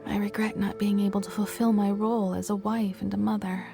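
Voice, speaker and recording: An actress playing a gentle, polite mother and devoted wife in a video game, with a soft, courteous manner. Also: medium pitch, little pitch movement, a little fast, vocal fry, natural voice. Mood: regretful. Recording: faint music behind the voice.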